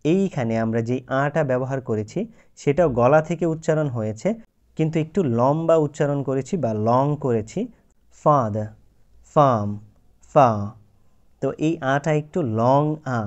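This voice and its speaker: A man's voice: medium pitch, darkish tone, lo-fi sound. Patient man teaching pronunciation. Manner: slow, patient explaining with drawn-out example words. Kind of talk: YouTube language lesson.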